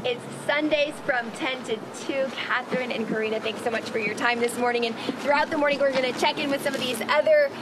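Upbeat high-voiced woman reporting outdoors. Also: steady tone, fairly quick, few pauses. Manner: upbeat and chatty. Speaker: field reporter. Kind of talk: live TV field interview. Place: outdoor farmers market. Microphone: handheld mic. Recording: loud outdoor background noise.

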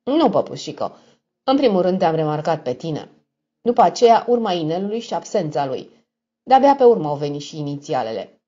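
A woman's voice: on the low side, big pitch swings, dark tone. A woman voicing a smug, mocking young male blackmailer with an affected tone. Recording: dull lo-fi recording.

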